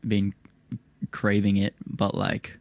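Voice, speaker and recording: A man's voice: lowish voice, completely flat delivery, slow, no room sound. A young man with a broad New Zealand accent, chatting casually in a laid-back, slangy, rambling way as a musician guest. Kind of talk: casual chat.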